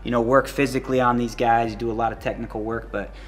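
A man's voice: medium pitch, flat delivery. A man, a college wrestling coach, giving a casual tour of his facility and filling his talk with "you know" and "um". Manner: rambling, fills every pause with "you know" and "um".

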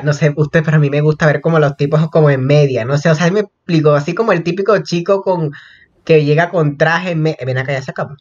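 A young man giving casual, gossipy reaction commentary, excitable and prone to sudden shrieks. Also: a little high, muffled recording. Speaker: reaction vlogger.

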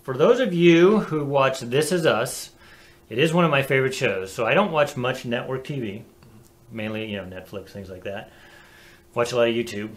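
A man co-hosting a casual talk show, animated and chatty, laughing easily. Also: mid-range voice, normal speed. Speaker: co-host. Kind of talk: casual chat.

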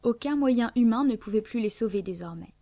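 Woman reading an old adventure novel, steady careful delivery, dry close sound. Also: on the high side, no echo. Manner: measured, clear literary reading. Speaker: audiobook narrator. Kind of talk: scripted narration of a classic novel.

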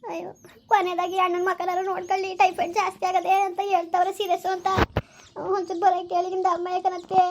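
A woman's voice: very high-pitched, monotone, fast, slight background noise. A woman playing a desperate young sister who anxiously begs for help in an amateur village drama. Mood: pleading. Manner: pleading, anxious.

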